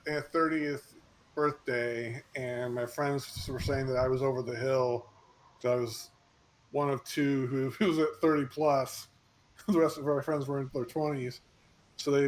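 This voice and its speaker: A man's voice: mid-range voice, steady tone, unhurried, a little hiss or hum. A man in his fifties telling stories in an easygoing casual chat. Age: 50s.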